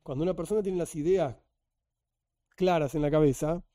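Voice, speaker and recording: A man with an Argentine Spanish accent gives a religious lesson in a lively, animated way, often slipping into mock voices to make his point. His voice sits high for a man yet sounds very dark and mellow. The recording is dry and close, with no room sound. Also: moderate pace, no echo. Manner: animated, acts out voices of a selfish giver. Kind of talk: religious teaching talk.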